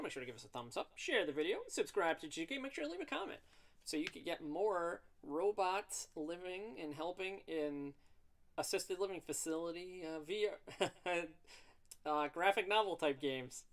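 Animated man reading a game aloud. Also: a little high. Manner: animated, rambling, quick to mock the writing. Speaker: gaming YouTuber. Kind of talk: let's play, reading game text aloud with commentary.

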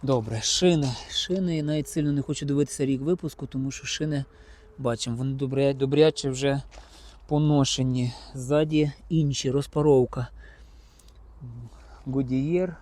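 A man with a medium-pitched, steady, darkish voice talks at normal speed while inspecting used cars outdoors at a car market. He chats casually with his viewers, addressing them directly as friends.

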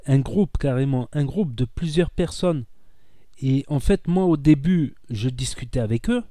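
A man's voice: mid-range voice, measured pace, mellow, dry recording, studio quality. A man with a southern French accent from Narbonne, a content creator talking in a casual, rambling monologue to camera, earnest and heated, often repeating himself. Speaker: social media content creator.

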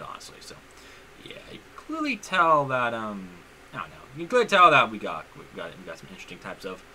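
Lively, bright-voiced man rambling over gameplay. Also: medium pitch, a little hiss or hum, poor audio. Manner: rambling, restarts often, leans on "honestly". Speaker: gaming YouTuber. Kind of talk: casual let's-play commentary.

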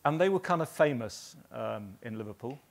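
A man in his fifties from northern England spins loose, halting anecdotes to a live audience, pausing often mid-sentence. His voice has a gravelly edge and sits at a middling pitch. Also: lively intonation. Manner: rambling anecdotal storytelling with many ums. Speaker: graphic designer giving a talk.

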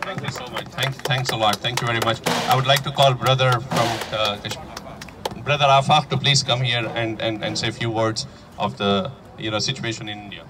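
A man's voice: mid-range voice, fairly even intonation, normal speed, over music. A man hosting a rally with informal, unscripted announcements, hesitant and often repeating his words. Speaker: rally host introducing speakers. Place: outdoors at a street protest. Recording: distant outdoor street recording.

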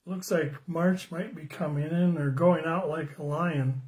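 An older man in his sixties giving a children's sermon on a phone livestream, slow and friendly, greeting viewers by name and asking the kids questions. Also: on the high side, steady tone, darkish tone. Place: small room indoors at home. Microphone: phone camera close up.

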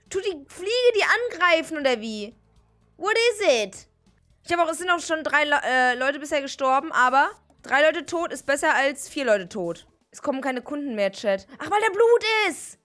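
Excitable high-voiced woman gaming streamer. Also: moderate pace, faint music behind. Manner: excitable, shrieks and exclaims at the game.

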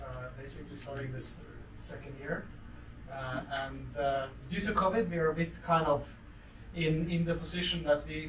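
A man leading a project, giving a hesitant conference presentation in non-native English in a small meeting room. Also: fairly high pitch. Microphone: far camera. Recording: echoey room from far off, noisy.

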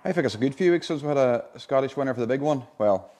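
A man of about forty hosts a live draw in an informal, chatty way. His voice sits at a medium pitch, heard a few feet from a phone camera indoors. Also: animated, quick pace, darkish tone. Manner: chatty, colloquial. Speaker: competition draw host. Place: indoor showroom unit with a car and screen.

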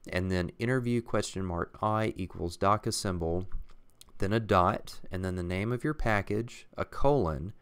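A man narrates a software walkthrough in a calm, methodical way, explaining each click as he goes. His voice sits on the low side and sounds smooth and clear. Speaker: software tutorial instructor. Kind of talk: screen-recorded software walkthrough. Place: at a computer, voice-over on screen recording.

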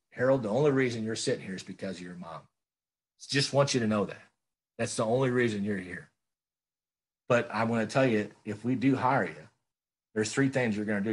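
Middle-aged man, recovery speaker; low, husky, earnest, plainspoken, repeats for emphasis. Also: fairly quick. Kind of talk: speaker-meeting share.

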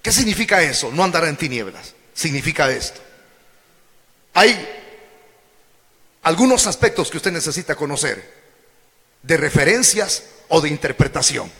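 A man preaching a sermon to his church, emphatic, swinging from shouted lines to low drawn-out words. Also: big pitch swings. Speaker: pastor. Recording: long hall reverb.

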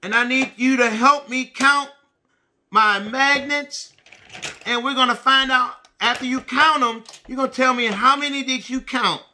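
High, bright-voiced man teaching small children. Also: steady tone, unhurried, slight background noise. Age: middle-aged. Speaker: preschool and kindergarten teacher. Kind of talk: children's lesson addressed to young pupils. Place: small indoor room with bookshelves.

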